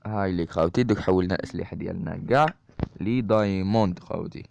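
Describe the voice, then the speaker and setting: Low gravelly Algerian gamer. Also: male voice, fast. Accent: Algerian Arabic. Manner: chatty, keeps addressing viewers as brothers. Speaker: gaming YouTuber. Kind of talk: Minecraft let's-play commentary. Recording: dull lo-fi mic with steady noise.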